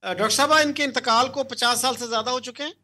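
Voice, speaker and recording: A man's voice: extremely high pitch, fast talker, pushed and bright, husky. An older man, joining a panel over a video call on a headset, telling anecdotes and slipping English phrases into his talk. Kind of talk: anecdotal chat mixing in English.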